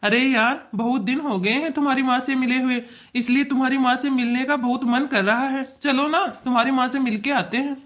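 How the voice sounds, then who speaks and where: A woman's voice: high-pitched, fairly even intonation, a little fast, hardly any pauses, a bit bright. A woman voicing a caring young man in a cartoon, who talks in an earnest, coaxing way. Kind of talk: cartoon dubbing.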